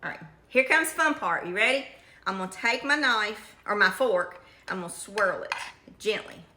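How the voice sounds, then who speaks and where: A woman's voice: mid-range voice, lively intonation, normal speed, pushed and bright. A middle-aged woman with a Kentucky accent, chatting in a folksy, homespun way as she demonstrates home cooking. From Kentucky, United States. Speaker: home cook presenting a recipe. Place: home kitchen, indoors. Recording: echoey room with faint noise.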